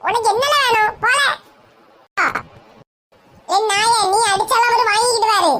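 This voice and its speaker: A woman with a Kanyakumari Tamil accent playing a tearful, hot-tempered young woman in a comedy sketch, scolding with quick insults. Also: very high-pitched, fairly even intonation, background noise. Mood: defiant. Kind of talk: comic sketch acting.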